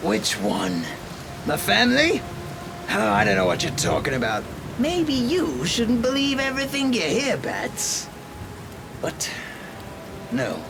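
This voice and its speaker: A man's voice: extremely high pitch, wildly swooping pitch, takes it slowly, vocal fry, long pauses, background noise, exaggerated voice. A man acting a manic, taunting clown-like villain in an amateur radio drama, theatrical in his delivery. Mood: subdued, regretful. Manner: theatrical, swinging between mutters, shouts and cackles. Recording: echoey reverberant drama mix, loud music bed. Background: loud music, rain.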